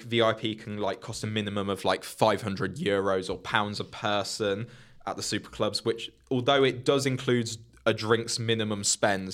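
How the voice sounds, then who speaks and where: This podcast host is a young man with a lowish, slightly bright voice. His casual discussion is loose and chatty, packed with fillers, especially "like" and "you know."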